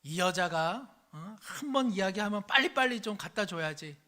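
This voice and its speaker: This is a short-tempered middle-aged husband , as a preacher plays him, barking orders and scolding in a loud, raised voice. The pitch jumps up as he yells, and the words come fast and sharp. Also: expressive. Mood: angry. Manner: shouting, scolding.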